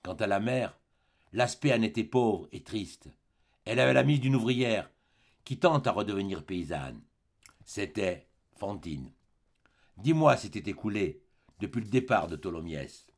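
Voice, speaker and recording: A man reading a classic novel aloud as an audiobook, with expressive, dramatic narration. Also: on the low side, measured pace. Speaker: audiobook reader. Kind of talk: scripted narration.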